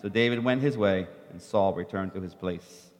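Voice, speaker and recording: A man preaching a sermon. He reads scripture aloud in measured steps and lifts his voice in the quoted speech, pausing so an interpreter can follow. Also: deep voice. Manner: measured Bible reading that rises in the quoted speech. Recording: long hall reverb.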